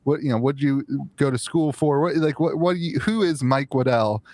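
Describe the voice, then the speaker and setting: A man's voice: a little high, brisk, a little mellow, no room sound. A man hosting an interview show, chatting casually and enthusiastically with frequent restarts. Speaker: host.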